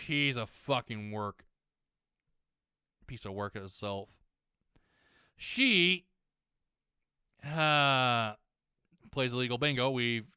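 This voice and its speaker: A young gaming YouTuber rants as he plays, rambling, cursing heavily, and frequently starting his sentences over. His medium-pitched voice turns slightly hoarse as it warms up, captured in studio quality with no echo.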